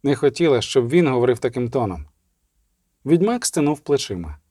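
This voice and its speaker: A man's voice: medium pitch, sing-song, normal speed, mellow, breathy edge, no room sound, clean studio sound. Man reading a novel aloud. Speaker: narrator. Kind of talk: audiobook narration.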